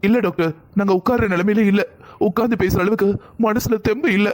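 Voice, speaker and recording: A man's voice: high-pitched, fast talker, natural voice. A man voicing an anxious middle-aged father in a cartoon, speaking in a distressed, pleading way. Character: anxious middle-aged father begging help for his daughter. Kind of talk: cartoon voice acting.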